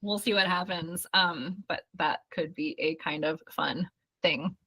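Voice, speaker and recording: A woman's voice: fairly low pitch, a little slow, pushed and bright, breathy edge. A woman hosting a live online workshop, speaking effusively and reassuring her audience over a video call. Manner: effusive, affirming, talks straight to the audience. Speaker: workshop host and studio founder.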